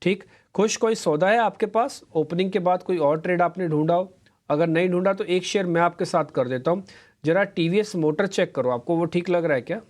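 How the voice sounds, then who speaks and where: A man's voice: sits high, fairly quick. A man anchoring a live stock market show, chatting and coaching viewers directly while giving market commentary.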